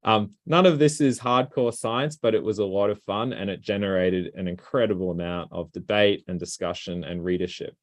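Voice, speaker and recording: A man giving a presentation talk as a robotics researcher, speaking in a relaxed, conversational way with frequent ums and restarts. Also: on the low side, moderate pace, hardly any pauses.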